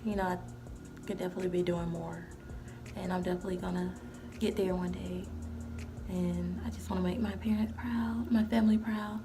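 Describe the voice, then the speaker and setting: A vlogger aged twenty speaks fairly quickly in a steady, fairly low voice, though she leaves long pauses. Her casual tour rambles, stuffed with "like" and "you know," over background music.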